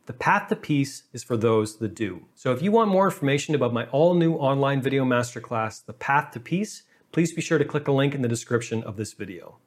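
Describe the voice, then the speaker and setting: A man's voice: mid-range voice, expressive, fairly quick, few pauses. A man hosting his own channel, giving relationship advice in an emphatic solo talk and repeating key phrases for stress. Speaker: relationship coach and channel host.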